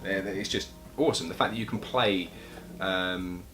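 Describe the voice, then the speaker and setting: A man's voice: low voice, moderate pace, music in the background. A young man co-hosting a casual gaming chat, laid-back and agreeable with a dry manner. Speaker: co-host of gaming chat show.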